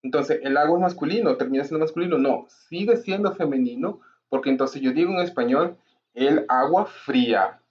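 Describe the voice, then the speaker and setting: Patient male teacher, dull recording. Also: a little high. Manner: explains slowly, repeats examples, checks in with "¿ok?". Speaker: language teacher. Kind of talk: grammar lesson to camera.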